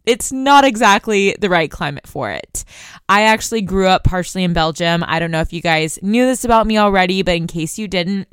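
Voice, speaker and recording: A young woman from the United States explains the news to her podcast listeners in a casual, direct way. Her voice sits low and sounds smooth and clear. The recording is dry and close, with no room sound. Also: animated, fairly quick, no echo. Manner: conversational, addresses listeners directly.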